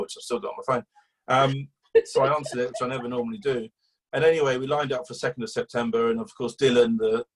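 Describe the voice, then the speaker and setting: An animal welfare campaigner, a man with a mid-range voice, tells a long, chatty story as an interview guest. He rambles with fillers and restarts, and the recording quality is low.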